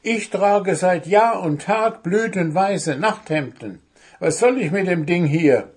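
Guy putting on a grumpy little gnome yelling, super high and loud, raspy. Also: lively intonation, takes it slowly, full character voice. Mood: indignant. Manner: loud, shrill and indignant. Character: grumpy fussy male gnome, shouting.

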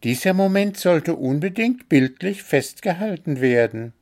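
A man's voice: fairly high pitch, lively intonation, measured pace, a little mellow, voice pushed up. A man voicing a vain little male bird in a storybook, chirpy and self-satisfied. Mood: vain, eager. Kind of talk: storybook character voice.

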